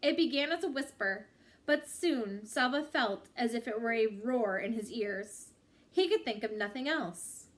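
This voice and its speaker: A woman whose voice leans high reads aloud from a book chapter, taking a measured, expressive storytelling approach and drawing her phrases out.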